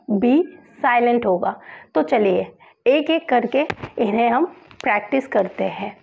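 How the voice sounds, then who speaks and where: Woman teacher, unhurried lesson delivery, raspy edge, muffled lo-fi audio. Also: on the high side. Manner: slow, patient, asks and answers her own questions. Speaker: English pronunciation teacher. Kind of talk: spoken lesson, spelling words letter by letter.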